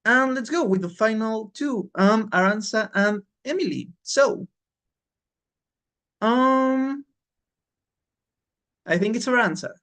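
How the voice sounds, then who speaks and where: An English teacher leading an online class call speaks in a high, slightly bright voice with lively intonation. He goes slowly, with long pauses, staying encouraging and informal and repeating words to make his points stick.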